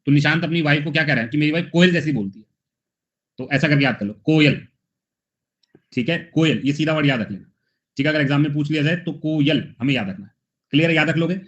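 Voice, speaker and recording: A man's voice: a little high, fast, pauses often, a bit bright, muffled recording. A male teacher from Haryana giving an exam-prep lesson, talking chattily and acting out little scenes in funny voices to help students memorize.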